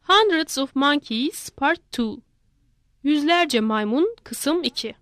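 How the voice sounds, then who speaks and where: High-voiced woman reading a storybook. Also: lively intonation, slow, dry recording, clean studio sound. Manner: quiet, lowered narration tags. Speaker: reader.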